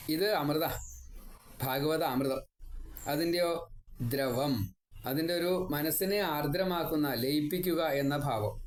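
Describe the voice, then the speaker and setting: Older male teacher, recites verses slowly and explains fast; light voice, echoey room. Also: on the high side. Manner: chants Sanskrit verses slowly, then explains quickly. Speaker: Bhagavatam teacher. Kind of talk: religious discourse, explaining Sanskrit verses.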